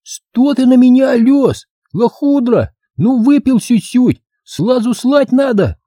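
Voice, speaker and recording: A man voicing a bratty, lisping six-year-old boy who yells rudely. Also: extremely high pitch, expressive, slow pace, dry recording, clean studio sound, pitched above the performer's own voice, full character voice. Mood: angry. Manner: rude, bossy, yelling.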